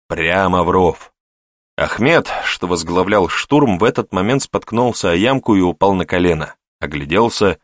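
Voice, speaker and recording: Low-voiced male audiobook narrator. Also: no echo, clean studio sound. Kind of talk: scripted narration.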